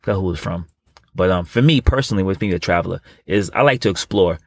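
A man's voice: deep voice, animated, quick pace, no echo. A man co-hosting a podcast in casual comedic chat, rambling and repeating himself with boastful, street-casual phrasing. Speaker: podcast co-host.

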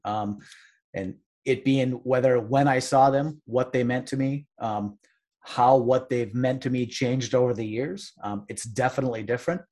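Man, podcast guest, northern Minnesota accent, average pitch, reflective, halting phrasing with repeated words. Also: darkish tone. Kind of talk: casual reflective discussion.

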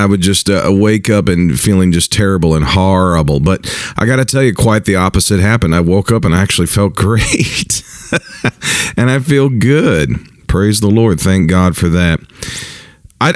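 A man in his forties, a pastor hosting his own podcast, talking in a casual monologue with an earnest, animated manner and frequent restarts. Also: sits low, no echo, studio quality. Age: 40s.

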